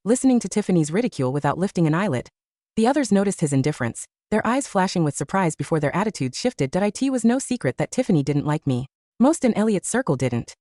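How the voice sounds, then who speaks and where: A woman narrating a first-person romance audiobook story in an expressive storytelling manner. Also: lowish voice, no echo, clean studio sound.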